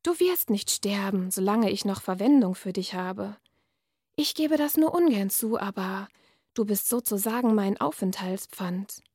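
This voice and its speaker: A woman reading from her novel, voicing a sly, sinister night creature in a slow, coaxing, half-whispered hiss. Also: medium pitch, animated, a little mellow, husky, dry recording, clean studio sound.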